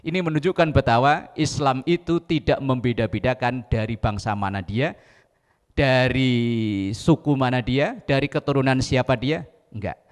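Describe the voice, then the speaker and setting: Indonesian preacher in a reverberant studio. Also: male voice, medium pitch, moderate pace. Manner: quotes Arabic verses, then explains with jokes. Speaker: Islamic preacher. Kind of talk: religious talk on a TV show.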